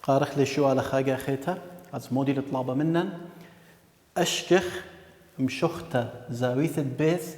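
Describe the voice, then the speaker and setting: A man teaching a maths lesson to pupils, patient and slow, repeating numbers and terms. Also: mid-range voice, fairly even intonation, a little mellow, reverberant, long reverb tail. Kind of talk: classroom lesson.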